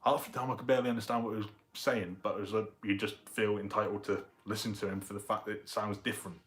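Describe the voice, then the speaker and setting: A young man from England with a Southern English accent chats loosely with his viewers on a live stream, rambling and using many fillers. His voice is on the low side, quick, level in tone and a bit bright.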